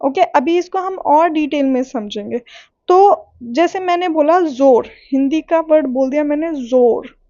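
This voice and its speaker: A woman teaching literary terms in a patient, explaining way, repeating checks like "okay" and reading definitions slowly. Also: high voice, warm tone, dry recording, highs cut off. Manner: patient, repeats points with "ठीक है" and "okay"; reads English definitions slowly. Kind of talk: explaining lesson in Hindi-English mix.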